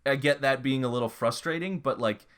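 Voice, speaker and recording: A man's voice: mid-range voice, fairly quick, a bit bright. A young man co-hosts a podcast in loose, casual conversation. He rambles, doubles back on his words and leans on fillers as he thinks aloud. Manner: rambling, lots of restarts and filler. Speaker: podcast co-host. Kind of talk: casual chat.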